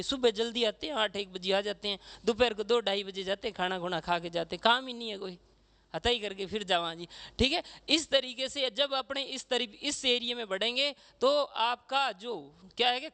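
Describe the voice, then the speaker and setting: A male teacher from Rajasthan, lecturing a class in a chatty way and filling pauses with "okay". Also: very high-pitched, gravelly, pushed and bright. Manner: chatty, says "theek hai" constantly, acts out regional speech.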